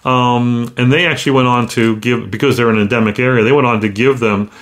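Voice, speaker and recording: A man, a physician hosting a short medical show, talking through cases in a halting, conversational way with frequent pauses. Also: mid-range voice, fairly even intonation, fairly bright tone. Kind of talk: casual clinical talk.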